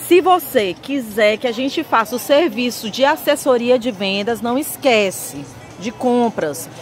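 Her voice is a little high, expressive, and a little slow, with faint music behind it. Speaking with a Northeastern Brazilian accent, she vlogs from an indoor market lingerie stall, pitching products enthusiastically and addressing viewers as friends.

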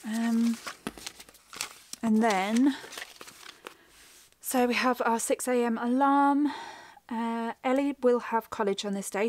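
Middle-aged lady chatting thru her planner, rambly, voice kinda going, soft asides, bit of noise. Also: fairly high pitch. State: losing her voice. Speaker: planner vlogger. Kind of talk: chatty plan-with-me narration.

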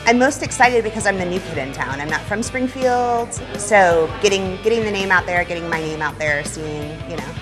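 A young woman chef talks in an interview for a competition show. Her voice sits on the low side. Music is clearly heard behind her. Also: expressive, normal speed, few pauses. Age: young adult. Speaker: executive chef, contestant. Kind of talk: on-camera interview. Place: indoors at a brewery. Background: background music.

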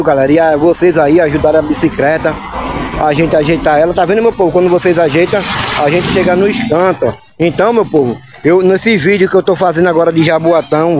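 High-voiced chatty man with a Pernambuco accent. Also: a little mellow. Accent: Pernambuco, northeastern Brazilian. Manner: chatty, keeps calling viewers "my people" and "gang". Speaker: vlogger and channel host. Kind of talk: casual vlog chat to viewers. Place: outdoors in a town by a canal. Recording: street noise with music behind.

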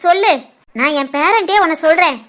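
A sharp-tongued old grandmother in a cartoon family comedy, as a woman puts her on. She scolds in a dismissive way, in a Tirunelveli Tamil accent, with a very high, squeaky cartoon voice. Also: a little fast. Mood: scolding.

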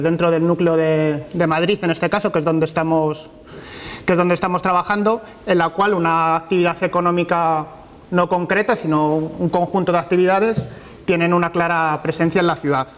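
A man's voice: on the high side, fairly bright tone. A man presenting a research project at an academic seminar, often repeating words as he searches for the next phrase. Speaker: university lecturer presenting research. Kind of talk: academic conference talk. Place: lecture hall with projected slides.

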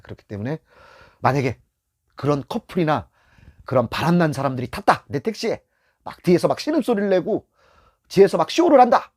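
Animated middle-aged man giving blunt tips. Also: mid-range voice. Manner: animated, acts out scenes from the road; blunt, repeats key advice. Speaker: taxi driver giving tips to beginners. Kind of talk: casual spoken lesson.

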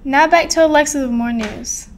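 A young woman delivers scripted school sports news. Her voice is very high in pitch. She speaks as a student announcer seated at a desk microphone. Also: moderate pace, a little hiss or hum. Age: teens to young adult, high school student. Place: small studio at a desk. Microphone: desktop microphone.

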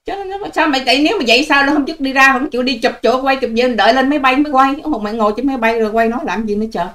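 A woman's voice: high voice, racing, fairly bright tone. An older woman, hosting her own channel in a combative, scolding and sarcastic vlog rant to her viewers. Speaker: online channel host. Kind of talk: ranting vlog monologue to viewers.

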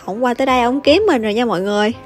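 A woman's voice: a little high, racing. A young woman gives teasing, chatty commentary over her gameplay and laughs often. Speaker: gaming YouTuber. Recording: voice over loud background music.

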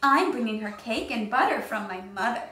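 Woman putting on a bratty little girl, boastful, high voice, roomy echo. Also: lively intonation, normal speed, sharp tone, distant mic. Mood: vain. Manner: boastful, self-admiring. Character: bratty vain young girl in red cape.

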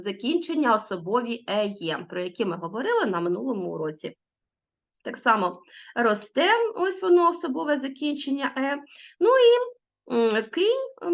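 A middle-aged woman teaching a recorded language lesson, drawing out example words slowly and stressing them. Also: on the high side. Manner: lively, drawn-out word stressing. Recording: dull lo-fi sound.

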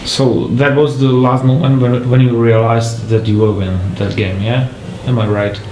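A man's voice: mid-range voice, level tone, normal speed, darkish tone. Male interviewer in an echoey room. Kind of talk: post-game interview questions. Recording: echoey room, faint noise.

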